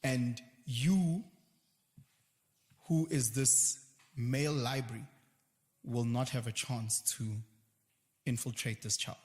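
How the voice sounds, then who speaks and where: A South African man talking in a casual conversation as a guest, animated and slipping into quoted voices now and then. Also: medium pitch, takes it slowly, long pauses, in a large hall.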